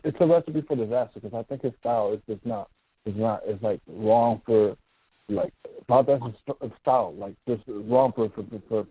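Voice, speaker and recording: A man calling in to a show, his voice muffled as if through a wall, halting and repeating words. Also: on the low side, breathy edge, no echo. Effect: muffled phone line, as if through a wall. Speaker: caller. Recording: muffled tinny phone line.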